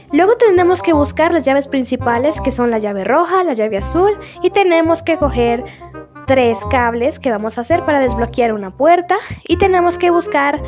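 A woman YouTuber giving chatty, jokey commentary on a game's story, retelling scenes with animated asides. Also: high voice. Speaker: gaming YouTuber. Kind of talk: game story analysis commentary.

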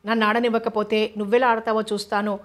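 A woman's voice: a little high, little pitch movement, fast talker, lightly acted. A woman voicing a feisty, defiant little orphan girl in a storybook reading, cheeky and combative.

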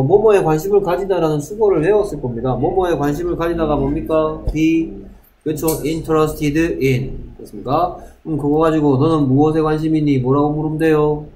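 Brisk male English teacher in a roomy classroom. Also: fairly high pitch, mellow, slight background noise. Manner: brisk, keeps checking with the class, reads English examples slowly. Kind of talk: classroom grammar lecture.

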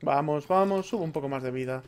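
Swearing Spaniard gamer muttering while playing. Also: male voice, on the high side, fast, clean tone. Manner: swears a lot, mutters to himself. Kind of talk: let's play commentary.

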